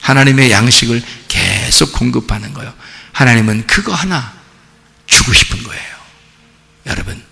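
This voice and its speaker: A male pastor preaching a sermon in a church, animated and speaking directly to the congregation. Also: medium pitch, normal speed, vocal fry, pauses often, faint music behind. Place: church sanctuary. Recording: long church hall reverb.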